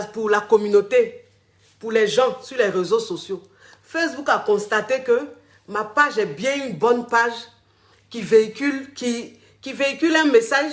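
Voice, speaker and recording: A relationship coach in his 40s talks casually to followers on a live stream in an extremely high, somewhat bright voice. He's effusive, repeats his phrases again and again, and tags many sentences with a filler word.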